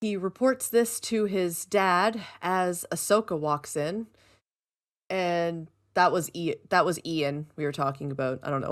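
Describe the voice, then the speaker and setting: A woman co-hosting a podcast, recapping an episode in casual chat, animated and giggly with sarcastic asides. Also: lowish voice. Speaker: podcast co-host.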